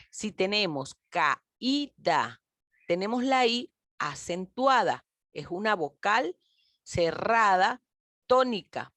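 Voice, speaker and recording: A woman teacher giving a recorded grammar lesson, speaking slowly and emphatically, stretching key words and addressing her pupils directly. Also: mid-range voice, no echo, clean studio sound.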